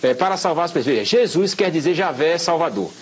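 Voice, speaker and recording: A man, a guest Bible scholar on a talk show, slowly explaining Hebrew letters and often checking "tá certo?". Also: on the high side, animated, husky.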